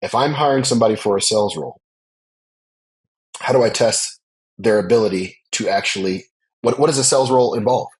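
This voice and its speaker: A man's voice: on the low side, brisk, long pauses, breathy edge, poor audio. A man speaking as a business leader guest on a podcast interview, earnest and reflective, stressing his points.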